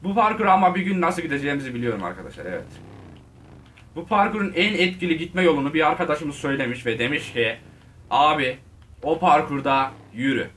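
A man giving casual, excitable commentary on his gameplay, talking straight to his viewers and shouting at the game. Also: on the high side, quick pace, distant mic, a little hiss or hum. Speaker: gaming video host.

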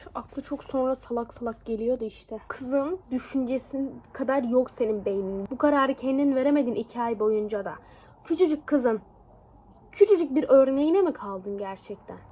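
High-pitched animated young woman vlogger. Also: normal speed, breathy edge. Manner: animated, exclaiming, laughing often. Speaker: book vlogger. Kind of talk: casual reading vlog.

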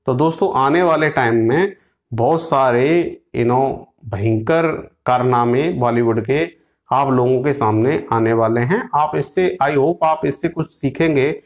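A man's voice: medium pitch, unhurried. A man in his thirties from India, delivering opinionated news commentary to camera in a small indoor room, moralizing and fiery, mixing English phrases in with frequent fillers.

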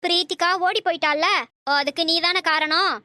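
Stern cartoon mother, lectures and scolds, high and bright. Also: fairly even intonation, normal speed, no echo, studio quality. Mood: scolding. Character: worried middle-aged mother, stern and threatening.

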